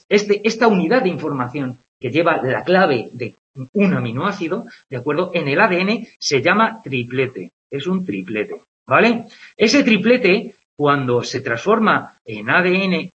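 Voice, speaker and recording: A man's voice: fairly high pitch, a bit bright, highs cut off. A man with a Spain Spanish accent teaching a biology lesson online, chatty and constantly checking in with his students, drawing with a mouse as he explains with playful comparisons. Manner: conversational, checks in with "¿vale?" and "¿de acuerdo?". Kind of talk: online lecture with on-screen drawing.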